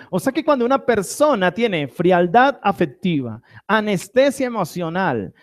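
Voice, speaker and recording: A man preaching a sermon to a church congregation, asking questions and having them answer, swinging between loud and soft phrases. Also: sits high. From Colombia. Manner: preaching with call-and-response to the congregation. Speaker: pastor.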